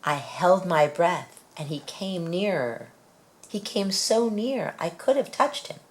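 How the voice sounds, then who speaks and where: Slowly and expressively, a woman shares a picture book with young children. Her low, deep register carries the story as she reads aloud.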